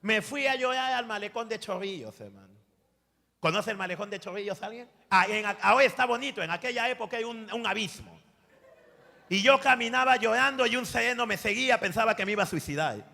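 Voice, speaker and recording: Brief: Peruvian man, 40s, preaching testimony, bright higher voice, long church-hall reverb. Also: fairly quick, creaky. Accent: Peruvian Spanish. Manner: animated storytelling, acting out dialogue, calls listeners brother. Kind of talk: sermon testimony.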